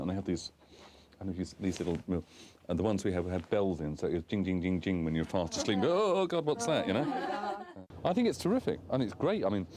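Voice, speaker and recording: A man with a lowish voice that swings widely in pitch as he chats. He rambles through fillers while telling of his ice fishing trip, recorded outdoors on a frozen lake. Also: dark tone, a little hiss or hum. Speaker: visiting travel writer. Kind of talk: casual interview on the ice.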